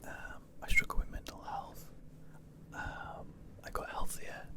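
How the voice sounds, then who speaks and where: An ASMR creator from the UK answering viewer questions in a breathy, unvoiced whisper, chatty, playful and self-deprecating. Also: measured pace. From United Kingdom.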